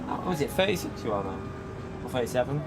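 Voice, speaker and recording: A British man in his forties streams a racing game, chatting casually, joking, laughing often and bantering with his partner. His medium-pitched voice is very animated and quick, with loud music behind it.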